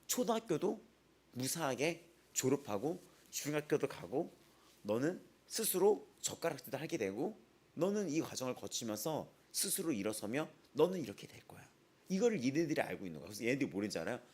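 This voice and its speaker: Lively-voiced pastor preaching conversationally. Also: male voice, mid-range voice, a little fast, husky. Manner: chatty, asks the congregation frequent rhetorical questions; retells stories with repetitive, emphatic phrasing. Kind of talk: conversational sermon at a dawn prayer service.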